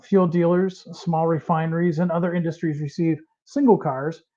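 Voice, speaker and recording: Guy hosting a live stream, mellow voice a bit strained from allergies, kinda muffled lo-fi sound. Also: a little high, fairly even intonation, normal speed. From Central Illinois. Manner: folksy, chatty, reads out viewer names. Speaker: host of a live model train show.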